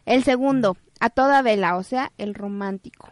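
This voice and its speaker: A woman's voice: medium pitch, moderate pace, no echo. A woman explaining stages step by step in a casual chat.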